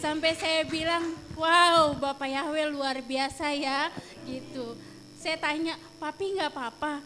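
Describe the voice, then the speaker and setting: A woman's voice: sits high, steady tone, a little slow, a bit bright, a little hiss or hum. A woman telling a chatty testimony at a church service, acting out the dialogue she recounts and sprinkling in casual fillers and exclamations. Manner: chatty storytelling, acts out quoted dialogue. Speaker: church member giving a testimony.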